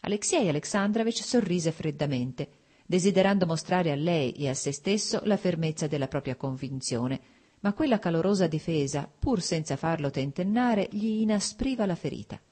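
A woman reads a classic novel aloud in a measured, even storytelling voice. Her tone sits fairly low and carries a husky, breathy grain. The delivery is steady and scripted. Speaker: narrator. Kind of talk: scripted audiobook narration.

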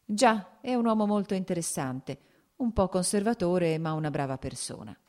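A woman's voice: fairly low pitch, expressive, normal speed, dark tone, pitched above the performer's own voice, natural voice. A woman reading the lines of a jovial, sociable nobleman in an audiobook, in a hearty, exclaiming manner. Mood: chatty.

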